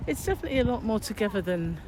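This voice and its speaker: A woman's voice: mid-range voice, big pitch swings, very fast. A British woman giving casual, rambling sightseeing narration as a travel vlogger, chatty and a little hesitant. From Britain. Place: outdoors on a city street. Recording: noisy outdoor city recording.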